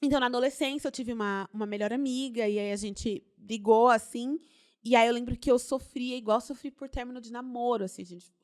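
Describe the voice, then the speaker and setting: A young woman chatting casually on a podcast, animated, laughing often and repeating words for emphasis. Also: on the high side, a little fast. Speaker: podcast co-host.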